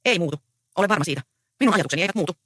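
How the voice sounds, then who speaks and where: Brief: a reader doing an earnest, pleading young farm girl in a read-aloud play, lively pitch, bright tone. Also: no room sound, studio quality. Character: young peasant woman, earnest and anxious.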